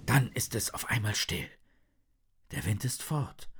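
A storyteller reading a children's story aloud in an expressive, dramatic way. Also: mid-range voice, unhurried, background noise.

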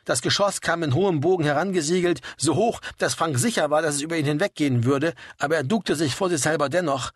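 A man reading a story aloud in a steady, wry narrating manner. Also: a little high, fast talker, hardly any pauses, breathy edge, no room sound, studio quality. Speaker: audiobook reader. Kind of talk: scripted narration.

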